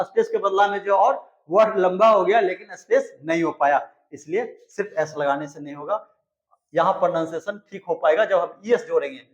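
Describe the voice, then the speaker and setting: A man teaching a grammar lesson. He explains slowly, repeats himself and sounds out example words. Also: a little high, highs cut off. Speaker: English teacher.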